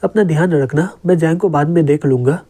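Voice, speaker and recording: A blunt young man who drives for a living though he is rich, calm and firm when he gives orders, as a man reads him out. The voice sits a little high and sounds mellow. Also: a little fast, natural voice.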